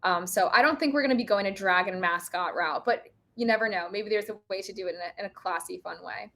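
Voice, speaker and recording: Woman guest on a chat stream, mid pitch, thinks out loud, lots of ums and restarts. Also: fast, creaky. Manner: thoughtful, hesitant, many fillers and restarts. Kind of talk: casual livestream chat.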